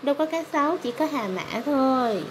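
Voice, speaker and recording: A woman's voice: high voice, expressive, normal speed. A woman with a southern Vietnamese accent, a mother reading a picture book to her toddler, prompting with questions and encouraging. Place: hard-tiled room at home. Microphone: handheld phone camera. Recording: noisy handheld home phone video.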